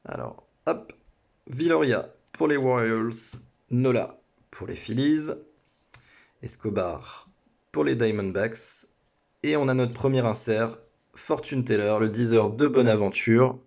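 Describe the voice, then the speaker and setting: A man's voice: mid-range voice, takes it slowly, gravelly, a little mellow. A man hosting a sports card break, chatting casually and hesitantly with many restarts and small apologies. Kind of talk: casual card-opening commentary. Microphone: phone. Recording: dull lo-fi phone audio.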